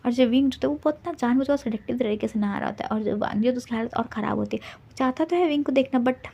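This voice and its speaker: A woman's voice: a little high, very fast, creaky, warm tone, husky. A woman casually retelling a fan fiction story in a chatty way, with many restarts.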